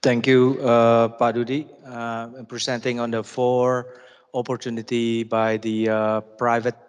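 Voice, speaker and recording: A man moderating a business forum panel, halting with many fillers. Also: medium pitch, little pitch movement, clean tone. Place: conference hall. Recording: reverberant conference hall.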